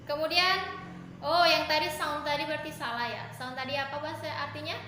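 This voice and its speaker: A woman's voice: high-pitched, fairly even intonation, brisk. A woman with an Indonesian accent teaching English in a classroom, switching between Indonesian and English and asking questions and praising students. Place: empty classroom. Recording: very echoey room, faint noise.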